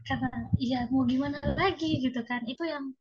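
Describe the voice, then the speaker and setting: A young woman tells a painful personal story, pausing often and filling the gaps as she searches for words. Her voice sits fairly high and sounds breathy. The audio is muffled and lo-fi, like an online call. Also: fairly even intonation. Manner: halting, hesitant, many fillers. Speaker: guest sharing a personal story.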